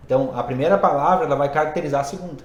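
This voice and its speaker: A man's voice: a little high, very fast. A man who teaches English and Portuguese, hosting a casual podcast and explaining ideas conversationally while thinking aloud. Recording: roomy echo.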